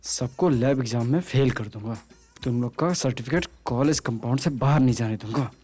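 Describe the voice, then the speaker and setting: A man's voice: mid-range voice, fairly quick, a little mellow, natural voice. An actor dubbing a boastful, teasing young man on a college campus. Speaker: dubbed film character. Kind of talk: Hindi film dubbing. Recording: film soundtrack with faint music.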